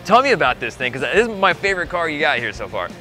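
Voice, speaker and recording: A young man hosting a car show, enthusiastic and quick to laugh, speaking in a large museum hall on a lapel mic. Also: on the high side, sing-song, sharp tone, faint music behind. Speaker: host.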